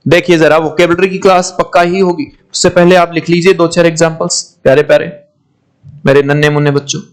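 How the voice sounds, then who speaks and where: A man teaches an English grammar class as a lecture, posing questions, repeating the answers, and addressing his students as "my children." His fairly high voice is clean and fast, with a flat delivery.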